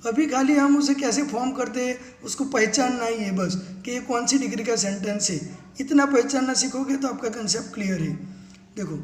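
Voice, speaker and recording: A man teaching English grammar step by step, spelling words out letter by letter and reading English definitions slowly. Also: extremely high pitch, reverberant. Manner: mixes slow English definitions into quick explanations. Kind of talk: classroom-style grammar lesson.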